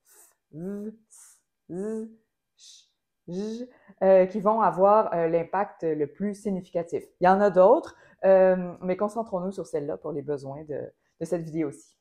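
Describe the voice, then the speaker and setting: A woman with a Québécois French accent giving a careful, precise singing lesson, pausing often with hesitations. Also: fairly low pitch, dark tone. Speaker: singing teacher. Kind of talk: explanatory vocal lesson.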